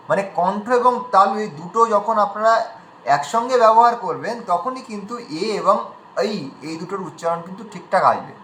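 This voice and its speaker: A man's voice: sits high, fairly bright tone, roomy sound, slight background noise, rough recording. A man teaching pronunciation in an online class, patiently demonstrating sounds one at a time.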